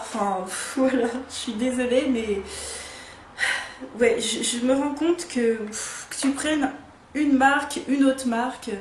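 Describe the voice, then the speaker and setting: A woman's voice: on the high side, darkish tone. A woman turning thirty, reviewing skincare products in a frank, chatty way full of fillers and restarts. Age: 30s. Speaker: beauty vlogger. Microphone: camera mic. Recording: echoey room with faint ambient noise.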